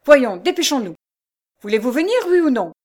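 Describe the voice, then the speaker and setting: A woman's voice: on the high side, expressive, moderate pace, pitched above the performer's own voice, natural voice. A woman voicing a mocking, menacing nobleman abductor. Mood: impatient threatening. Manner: mocking, threatening. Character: brutal arrogant nobleman abducting a young wife.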